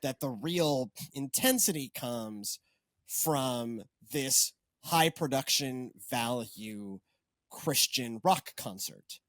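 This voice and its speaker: A man's voice: medium pitch, animated, takes it slowly, a bit bright, no echo. A man in his twenties or thirties, a pastor hosting a podcast, in casual chat, rambling and wry with many fillers and restarts. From Texas.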